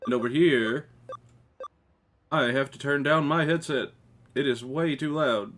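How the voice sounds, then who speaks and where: A man's voice: medium pitch, unhurried, fairly bright tone. A man hosting a let's play, giving casual, conversational commentary on a video game. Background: faint music.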